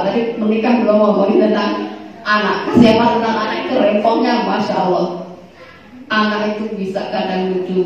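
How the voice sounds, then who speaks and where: A woman's voice: medium pitch, darkish tone. Woman teaching in a very echoey hall. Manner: chatty and teasing, with joking asides; reads Arabic text slowly, then explains it. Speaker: religious teacher. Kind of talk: religious study lecture to women. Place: large echoey hall at a boarding school. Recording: very echoey, distant, muffled.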